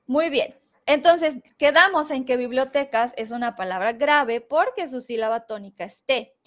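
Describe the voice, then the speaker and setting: Her voice is high-pitched and her speed normal as she teaches a spelling lesson in a northern Mexican Spanish accent. She explains each rule patiently step by step and checks in with students, heard through a dull, lo-fi recording.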